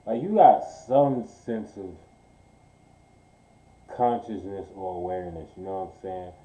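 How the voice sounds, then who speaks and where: A male streamer riffs in loose, slang-heavy, profane commentary as he reacts live. His voice sits low with a dark, mellow tone. The sound bounces around a roomy, echoey space. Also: animated, a little slow. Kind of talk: casual live-stream chat.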